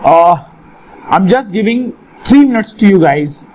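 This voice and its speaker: A man's voice: sits high, expressive, measured pace, darkish tone, slight background noise, poor audio. A man with a North Indian accent teaching a live online lesson, questioning and instructing students and often repeating his phrases. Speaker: accountancy teacher.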